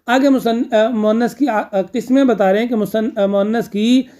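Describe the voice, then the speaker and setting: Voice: medium pitch, a little mellow. A grammar teacher lecturing a class, repeating key terms, posing questions and answering them, with frequent checking fillers.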